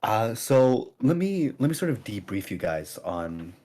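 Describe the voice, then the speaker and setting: A man voicing a smooth, welcoming priest who leads a church, in a tabletop game. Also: lowish voice, sing-song, unhurried, mellow. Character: welcoming male cult priest leader.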